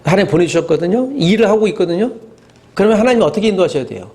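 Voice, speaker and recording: A man preaching a sermon as pastor, animated, acting out inner voices and asking the congregation questions. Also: high-pitched, racing.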